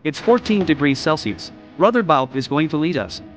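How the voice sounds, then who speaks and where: A man's voice: on the high side, very animated, moderate pace, faint music behind. A man working as a guide, casually explaining and giving short instructions as he goes. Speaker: cave guide. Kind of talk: casual explanatory chat while guiding.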